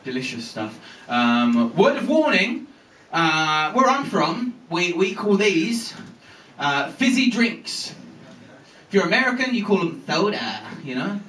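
A young man doing a stand-up comedy set, telling a story with lively delivery and plenty of swearing. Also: sits high, slow pace. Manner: animated storytelling, swears freely, acts out voices. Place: comedy venue with a laughing audience. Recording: roomy live stage recording from a distance.

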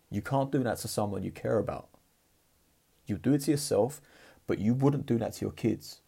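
A man's voice: lowish voice, gravelly, warm tone, husky. A man giving a blunt, profane motivational talk in a casual, fired-up way. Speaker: motivational vlogger.

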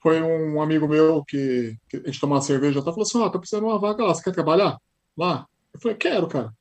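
A lively Paulista man from Brazil, speaking São Paulo Portuguese, chats as a guest in a casual podcast interview. His husky voice is fairly high and rapid. He's an animated storyteller who acts out the dialogue he quotes.

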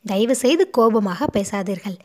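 A woman's voice: medium pitch, expressive, unhurried, darkish tone, lightly acted. A woman voicing an anxious, earnest young princess in a storybook reading. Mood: worried. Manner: worried, earnest.

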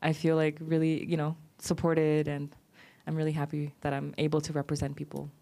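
A woman's voice: low voice, completely flat delivery, brisk, vocal fry, dark tone. A young woman speaking as an interview guest, upbeat and casual, with frequent "like" and "you know" fillers.

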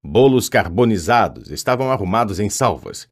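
A man reading a fantasy audiobook aloud, raising his pitch to voice each character. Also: big pitch swings, normal speed. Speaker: audiobook narrator.

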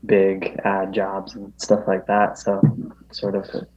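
Low-voiced man on a dull lo-fi recording. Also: completely flat delivery, takes it slowly, husky. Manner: hesitant, many ums and restarts. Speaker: interview guest, photographer. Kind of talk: casual interview talk. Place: New York.

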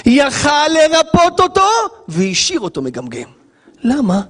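A man, a rabbi, giving an animated Torah lesson, acting out scenes and firing rhetorical questions at listeners. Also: very high voice, big-room sound.

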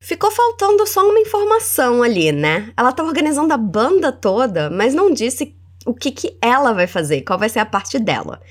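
A woman with a Brazilian Portuguese accent hosting a language lesson podcast. She is encouraging and slows down to model English words for the listener to repeat. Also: a little high. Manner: animated and encouraging, models words slowly for repetition. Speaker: English teacher and podcast host.

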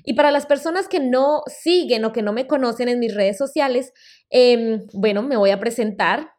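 Her voice is a little high and a little mellow as this Colombian podcast host, in her thirties, speaks at a normal speed. Alone on her show, she recounts her own story in a casual, personal way, dropping "eh" and "pues" as fillers.

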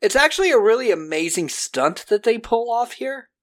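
A man's voice: very high voice, sing-song, moderate pace, fairly bright tone. A man co-hosting a podcast, casually retelling a film's story and acting out bits of dialogue. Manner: animatedly acts out characters' lines. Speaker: podcast co-host. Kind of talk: casual film recap chat.

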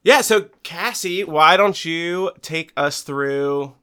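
A man's voice: on the high side, slow pace, a bit bright, clear, resonant tone. A man hosting a podcast in a casual, playful chat, laughing and tripping over words in a morning voice. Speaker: podcast host.

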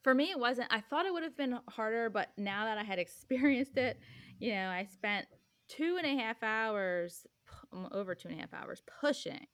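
A woman's voice: on the high side, lively intonation, normal speed, fairly bright tone, no room sound. A young woman talking casually as a podcast guest, rambling with lots of "like" and "um". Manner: rambling, full of "like" and "um". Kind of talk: casual chat.

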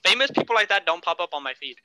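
A man's voice: high voice, very animated, racing, pushed and bright, no echo, rough recording. A young man in a casual group chat, eager and blurting out his guesses.

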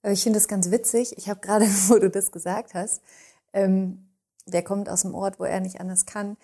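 A woman podcast host who chats casually and gives short, affirming replies. Her voice is warm and mellow, with a husky edge. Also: mid-range voice, flat delivery, moderate pace. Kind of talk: casual interview talk.

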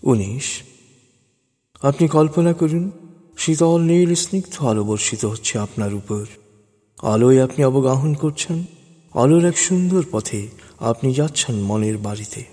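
Guy doing slow hypnotist style guided meditation, soft husky mellow voice, big long echo. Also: mid-range voice. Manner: slow, calming hypnotist delivery. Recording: long reverb over background music. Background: music.

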